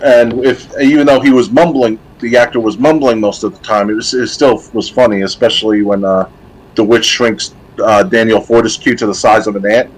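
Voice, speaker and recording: A man hosting a gaming podcast, chatting casually and nostalgically, then reading game news in a steady voice. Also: lowish voice, brisk, husky, rough recording. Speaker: podcast host.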